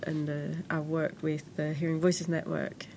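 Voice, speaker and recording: A woman from Denmark, a support worker speaking calmly and steadily in an interview. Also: sits low, measured pace, slight background noise. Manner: calm, steady, with small hesitations. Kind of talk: interview talk.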